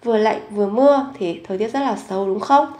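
A woman teaching a grammar lesson, explaining example sentences slowly and carefully and reading model sentences aloud more quickly. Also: mid-range voice, warm tone, reverberant. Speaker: Korean language teacher.

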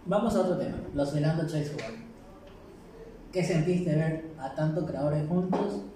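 A man's voice: on the high side, moderate pace, warm tone. A man hosting a podcast, asking easygoing questions in casual chat. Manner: asks easygoing, prompting questions. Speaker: podcast host. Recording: roomy echo, distant mic, noisy.

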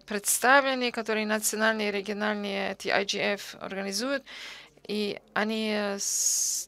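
Creaky-voiced woman interpreting a panel. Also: medium pitch, fairly bright tone. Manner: halting, with frequent pauses and self-corrections. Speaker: simultaneous interpreter. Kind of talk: simultaneous conference interpretation.

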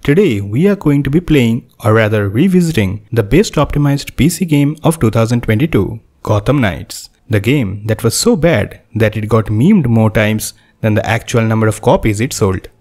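A young Indian-accented man reads his game review voice-over in a dry, deadpan tone. His voice sits at an ordinary middle pitch, and his jokes come out sarcastic and self-mocking. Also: moderate pace, hardly any pauses. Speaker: gaming channel host.

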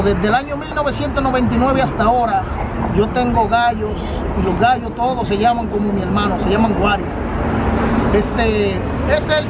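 A man in his thirties from the Dominican Republic, with a Dominican Spanish accent, earnestly explaining things to his channel's viewers in a casual vlog, filmed outdoors beside a storefront. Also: extremely high pitch. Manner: earnest, repetitive, addresses viewers directly. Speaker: family channel host. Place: outdoors by a storefront on a city street. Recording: street noise outdoors. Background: city traffic.

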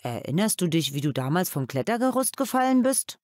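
A woman voicing a gentle, thoughtful father who talks calmly and a little sadly, in a children's audiobook. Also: on the low side, a little fast, dry recording, studio quality, voice pushed up. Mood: reflective. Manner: calm, reflective storytelling.

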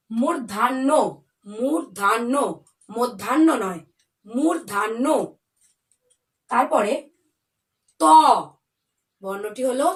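Slow sing-song woman teaching letters. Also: a little high, fairly bright tone, distant mic. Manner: slow, drawn-out sing-song recitation with careful pronunciation. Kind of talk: children's alphabet lesson.

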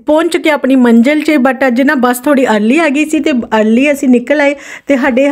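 A woman's voice: on the high side, a little mellow. A woman in her thirties with a Punjabi accent, narrating a casual daily vlog in a chatty, informal, exclamatory way. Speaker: vlogger.

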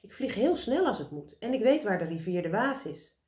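A woman voicing an excited, chattering female bird who tells news eagerly. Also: medium pitch, natural voice. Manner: excited, breathless-quick. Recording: roomy echo.

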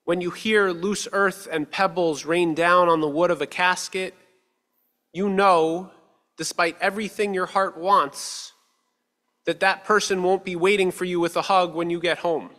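Male rabbi, sermon, bright forward voice, slightly high, measured pace with slowdowns, sanctuary hall reverb. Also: fairly even intonation. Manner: measured, earnest, slows for emphasis. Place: synagogue sanctuary, at a lectern. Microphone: stand mic on lectern.

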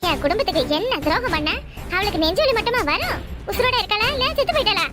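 A woman with a southern Tamil Nadu accent voicing a spiteful, scheming mother-in-law who taunts and scolds at a rapid clip. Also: very high voice, animated, music in the background. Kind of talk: cartoon voice acting.

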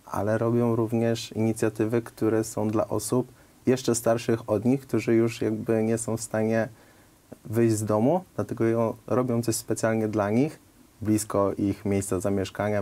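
Young man guest, warm dark tone, monotone, hesitant then quick. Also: on the low side. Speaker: volunteer program guest. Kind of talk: studio interview. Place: TV studio.

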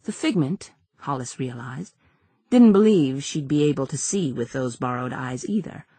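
A woman narrating an audiobook in a measured, subdued reading. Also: very deep voice, animated, mellow, slightly rough, dry recording. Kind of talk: scripted narration.

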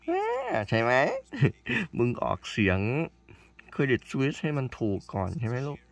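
A woman chatting slowly and dotingly to her cat in a teasing, affectionate way, humming between phrases. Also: a bass voice, huge pitch swings, gravelly, no echo. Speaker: vlogger talking to her cat. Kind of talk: casual chat addressed to a pet.

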